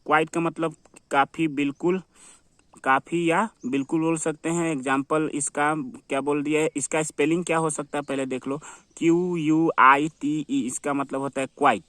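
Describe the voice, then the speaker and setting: A man with a fairly high voice gives a classroom-style vocabulary lesson. He asks rhetorical questions, answers them himself, and drills each word over and over. The sound is dry and close, with no room echo. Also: fairly even intonation, normal speed, a bit bright. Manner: repetitive, asks and answers his own questions. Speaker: English teacher.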